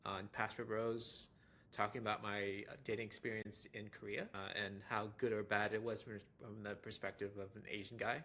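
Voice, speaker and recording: A young adult man from the United States with a General American accent talks casually to camera as a dating vlogger. His voice is fairly low and fairly bright, and his talking-head monologue rambles through fillers and restarts.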